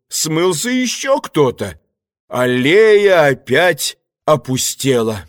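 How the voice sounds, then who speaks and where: Slow, expressive male audiobook narrator. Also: a little high, no room sound, clean studio sound. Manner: deliberate, expressive reading. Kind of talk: scripted narration.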